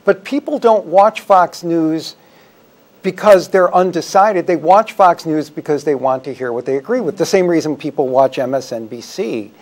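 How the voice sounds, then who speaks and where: A man speaking as a historian guest on a talk show, explaining in a measured, articulate way. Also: fairly high pitch, expressive, a little mellow. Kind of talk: explanatory interview answers.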